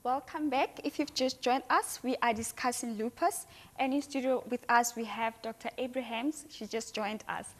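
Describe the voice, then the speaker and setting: Eager talk show hostess. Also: female voice, on the high side, normal speed, music in the background. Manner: eager, reacting often. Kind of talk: studio talk-show interview.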